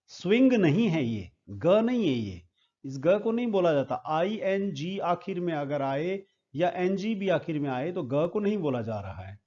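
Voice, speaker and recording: A man's voice: on the high side, dark tone, muffled recording. A man teaching English phonetic symbols, spelling each word out sound by sound. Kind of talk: phonetics lesson at a board.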